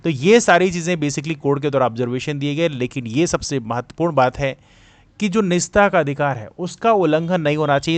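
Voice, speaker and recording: This is an explanatory current-affairs lecture from a man who teaches and presents for exam coaching. His voice is on the high side, his approach didactic, and he mixes Hindi with English. No room sound is audible.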